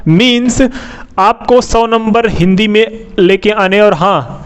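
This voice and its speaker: An exam coaching teacher gives an informal lecture on an exam syllabus in a high-pitched, clear, resonant voice, speaking slowly. He repeats key points, asks questions and answers them himself, and often adds tag questions.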